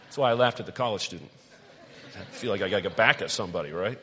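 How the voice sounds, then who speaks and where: A man's voice: sits low, fast, slightly rough. Man preaching in a reverberant hall. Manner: animated storytelling, asks the congregation questions. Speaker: pastor. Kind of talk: sermon.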